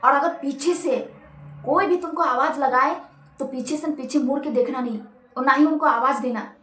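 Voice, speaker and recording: A woman's voice: high-pitched, moderate pace, fairly bright tone, reverberant, slight background noise. A woman voicing a stern male truck driver who gives curt, commanding orders.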